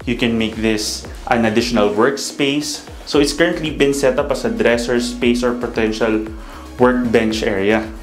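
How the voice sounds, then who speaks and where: Leading a polished walkthrough of a townhouse, a Filipino broker in his thirties points out features room by room in bright, empty indoor spaces. He speaks at normal speed in a steady, mid-range voice over music.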